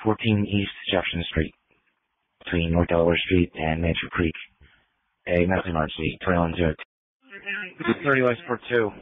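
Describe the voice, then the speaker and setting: An emergency dispatcher reads out fire and EMS calls in clipped, formal phrasing over a two-way radio, and the transmission sounds phone-like. His voice is deep and animated, moving at a normal speed with frequent pauses and no echo.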